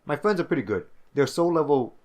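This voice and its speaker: A man's voice: a little high, expressive, brisk, darkish tone. Rambling young man chatting over gameplay. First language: English. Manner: rambling, many "like" fillers, playful impressions. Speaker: co-host of a gaming let's play. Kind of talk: casual gaming chat.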